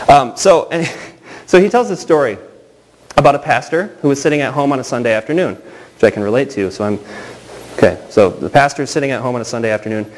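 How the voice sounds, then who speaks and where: Halting, conversational male preacher. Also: mid-range voice, rough recording. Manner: conversational and halting, with frequent restarts and asides. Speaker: pastor. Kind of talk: sermon.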